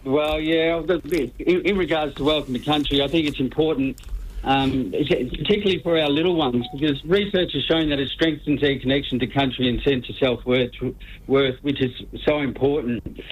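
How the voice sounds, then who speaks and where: A man's voice: on the high side, moderate pace, slight background noise. A man giving casual, hesitant interview answers as a radio guest, repeating words as he goes. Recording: dull, band-limited radio call-in.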